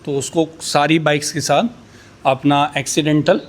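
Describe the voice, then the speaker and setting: A man pitching used superbikes in a casual, boastful way, rattling off price countdowns. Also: flat delivery, moderate pace.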